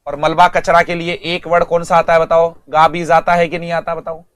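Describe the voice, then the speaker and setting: A man's voice: fairly high pitch, monotone, normal speed, fairly bright tone, smooth, dry recording, studio quality. A male English teacher giving an online vocabulary lesson, speaking, repeating words and quizzing students.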